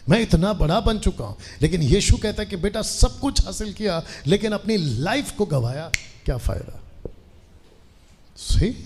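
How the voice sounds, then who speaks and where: Husky, mellow-voiced man preaching a sermon. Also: fairly high pitch. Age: 40s. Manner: asks the congregation to answer aloud, peppers Hindi with English phrases. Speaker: pastor. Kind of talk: sermon to a live congregation. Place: church hall with a seated congregation.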